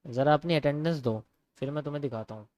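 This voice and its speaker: A man's voice: on the high side, fast talker, darkish tone, no room sound, dull audio. A young man giving a casual live lesson on trading, repeating his points and calling viewers bro. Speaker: trading teacher.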